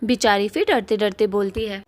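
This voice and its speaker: A woman's voice: medium pitch, normal speed. Woman narrating a cartoon story. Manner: plain, steady storytelling.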